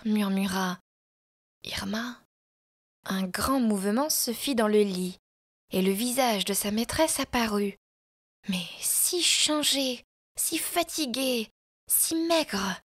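A woman reading a classic story aloud as narrator, in measured, expressive storytelling. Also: on the high side.

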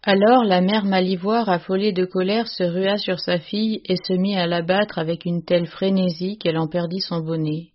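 A woman's voice: fairly low pitch, muffled recording. Woman reading a classic tale aloud. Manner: measured, expressive storytelling. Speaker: narrator. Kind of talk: audiobook reading of a classic story.

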